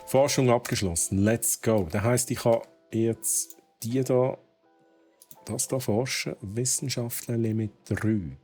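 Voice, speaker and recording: A man's voice: mid-range voice, slow pace, a little mellow, soft background music. A man with a Swiss German accent streaming a video game, thinking aloud as he plays and dropping English exclamations. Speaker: gaming streamer. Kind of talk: casual let's-play commentary.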